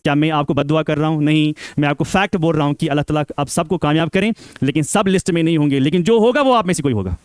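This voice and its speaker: A man speaks to exam aspirants in an emphatic, questioning way, switching between Hindi and English. His voice sits slightly high. The sound is dry and close. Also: quick pace, hardly any pauses, a little mellow, smooth, dry recording. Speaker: seminar speaker. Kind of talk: exam guidance talk to students.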